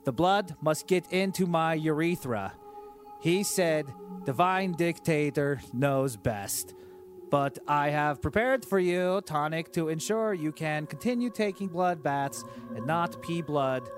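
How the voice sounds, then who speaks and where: A cruel, pompous dictator king, as a man puts him on, reading his diary in stilted broken English with flat deadpan self-importance. The voice sits a touch high and crawls along slowly. Faint music plays underneath. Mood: smug. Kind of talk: comedic diary-reading monologue.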